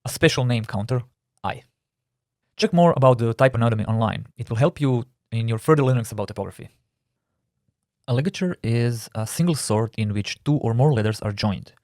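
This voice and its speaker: A typography instructor with a Croatian accent, a non-native English speaker, explains typography terms in careful, recorded course narration. His voice is medium-pitched with a darkish tone, captured in clean studio sound with no echo.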